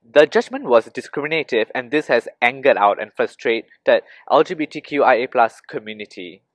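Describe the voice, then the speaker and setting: A man co-hosts a podcast and reads a prepared summary in a steady, news-like way. His voice sits mid-range and sounds dry and close to the mic. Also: mid-range voice, moderate pace, no echo. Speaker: podcast co-host. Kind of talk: scripted episode introduction.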